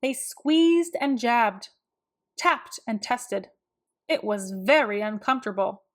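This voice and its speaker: A woman narrating a children's storybook aloud in an expressive, deliberate manner. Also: on the high side.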